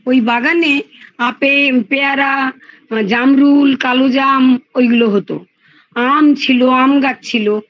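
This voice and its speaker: An older woman casually telling a lively childhood story on a video call, acting out the shouted quotes. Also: high voice, slow, no room sound, dull audio. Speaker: participant in an elders' group chat.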